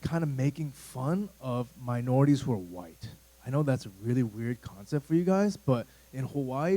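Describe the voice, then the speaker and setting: A man's voice: medium pitch, dark tone, rough recording. A man in his thirties, a youth pastor giving a casual, rambling talk to a church youth group, full of fillers and asides. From United States. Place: church room.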